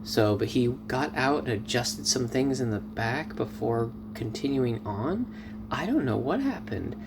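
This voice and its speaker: Male vlogger, chatty and animated, average pitch; outdoor recording with audible traffic. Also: a little slow. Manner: chatty, animated storytelling with excited outbursts. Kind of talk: casual vlog chat.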